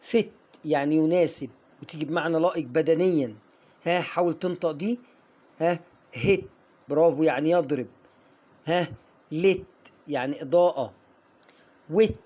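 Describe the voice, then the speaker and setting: Egyptian man, fairly high voice, English pronunciation teacher, coaxing, drawn-out example words. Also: a little mellow, muffled recording. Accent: Egyptian Arabic. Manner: coaxing, drills viewers, slows down to model words. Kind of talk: online lesson to camera.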